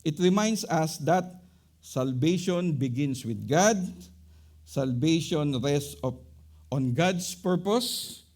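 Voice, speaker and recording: A man's voice: fairly high pitch, expressive, takes it slowly, darkish tone. A man with a Filipino accent preaching a sermon, emphatic and repetitive, often checking in with "okay?" and switching between English and Tagalog.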